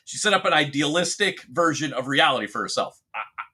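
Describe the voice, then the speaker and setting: A man chatting on a podcast with a bright, husky voice. He rambles through his points, restarting sentences and swearing freely. It's loose, unscripted talk among friends. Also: fairly high pitch, animated, fast talker. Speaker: podcast co-host. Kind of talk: casual chat.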